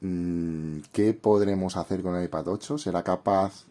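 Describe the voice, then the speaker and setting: He talks a little slowly in a deep, dark voice, keeping his intonation fairly even. Stuffed up with a cold, the Castilian Spanish-accented man hosts an easygoing YouTube tutorial and review of a drawing app, speaking informally and directly to the audience.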